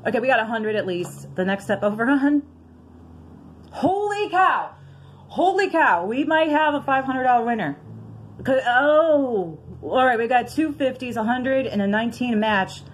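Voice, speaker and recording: A woman vlogging in a casual, chatty way, excitable and giggly, rambling and thinking aloud as she reads out numbers. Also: on the high side, moderate pace, slight background noise. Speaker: vlogger scratching lottery tickets.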